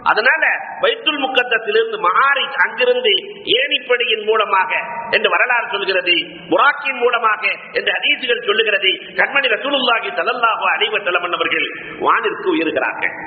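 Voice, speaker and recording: High-voiced preacher in an echoing hall. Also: male voice. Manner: repetitive orator, addresses listeners as beloved. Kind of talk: sermon. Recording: echoey hall, dull lo-fi sound.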